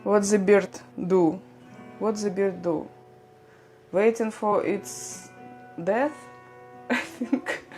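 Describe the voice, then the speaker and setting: A young woman with a Ukrainian accent, a livestream vlogger, chats casually and reads viewer comments while music plays behind her. Her mid-range voice is steady and a little mellow, very slow with frequent pauses, and she laughs often in slightly broken English.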